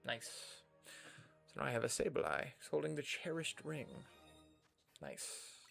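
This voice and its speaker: Very animated yet measured in pace, a young United States streamer with a General American accent chats to himself while gaming. His medium-pitched voice is creaky and a bit bright, over faint music.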